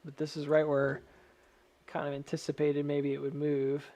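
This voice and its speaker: A man with a slightly high voice talks through technical analysis casually, as if thinking aloud. His s sounds carry a faint whistle, and his delivery is measured and careful, qualifying points as he goes. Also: monotone, dark tone, lo-fi sound. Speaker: stock chart analyst addressing viewers. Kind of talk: casual technical chart commentary.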